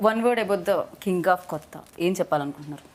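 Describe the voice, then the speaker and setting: A woman's voice: on the low side, darkish tone. A woman hosting a casual film-promotion interview, switching between English and Telugu and chiming in often. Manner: chatty, many quick acknowledgements. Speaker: host.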